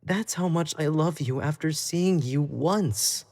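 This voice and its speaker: In this dramatic roleplay monologue, a man plays an obsessive, jealous young pop idol, talking intimately to the listener and swinging from sweet pleading to cold condescension. His voice is a little high and slow, with a darkish tone. Here he sounds lovesick and pleading.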